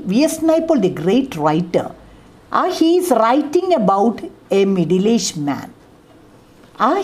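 A woman's voice: medium pitch, darkish tone. A middle-aged woman from India with a Kerala English accent, giving a college literature lecture and explaining with repeated examples and many "ah, see" fillers. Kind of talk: classroom lecture.

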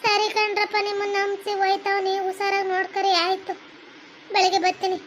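A woman playing a shrill, fussy village woman. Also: monotone, a little fast, background noise. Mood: earnest. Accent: North Karnataka Kannada. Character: fretful village woman, a friend of the family.

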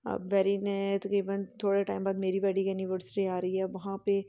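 A woman's voice: mid-range voice, monotone, normal speed, dark tone. A young woman vlogger giving a chatty, rambling voice-over about a family outing, with fillers and restarts.

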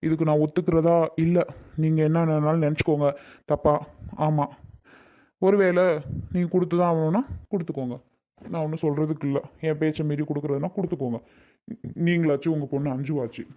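A man's voice: a little high, fairly even intonation, a little fast, pauses often, mellow, highs cut off, lightly acted. A man playing a young husband and father who is defiant and heated, firing repeated questions, in a family drama skit. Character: young husband, protective and hot-tempered father.

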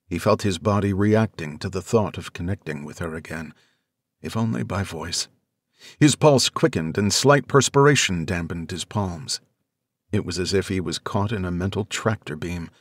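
Low-voiced man narrating an audiobook. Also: dry recording, clean studio sound. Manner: measured, even storytelling.

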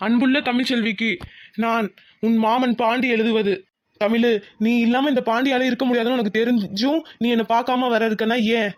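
A man's voice: extremely high pitch, fairly even intonation, fairly quick. A man voicing a lovesick young village man in a cartoon, pleading and worried.

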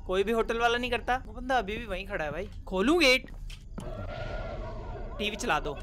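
A young man giving joking, excitable commentary while playing a horror game, with loud reactions. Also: sits high, normal speed, a little hiss or hum. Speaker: gaming YouTuber.

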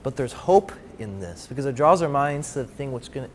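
A man speaking as a priest in a conversational faith discussion, at a middle pitch. He talks thoughtfully and hopefully, his pace speeding and slowing. A faint rumble lies behind him. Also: lively intonation.

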